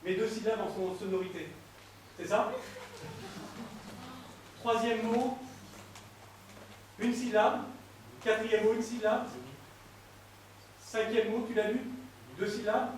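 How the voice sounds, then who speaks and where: A man with a strikingly high voice performs a mentalism act, playfully teasing and joking with his volunteers. He sounds far from the mic in a very echoey hall, with audible room ambience behind him. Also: steady tone, slow pace, pauses often, a little hiss or hum. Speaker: stage mentalist. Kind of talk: live stage performance with audience banter. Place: theater stage before an audience.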